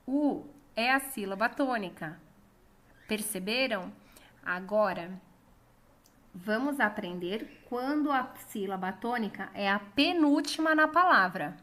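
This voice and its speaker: A woman with a Brazilian Portuguese accent teaching a lesson, calling out words slowly and drawing out the stressed syllable. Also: on the high side, lively intonation, a bit bright. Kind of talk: slow, clear classroom lesson.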